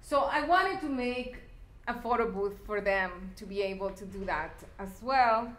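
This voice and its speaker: A woman's voice: medium pitch, expressive, a little slow, fairly bright tone. A woman from El Salvador giving a public talk about her art installations, speaking reflectively with fillers and restarts. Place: lecture hall. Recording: echoey lecture hall.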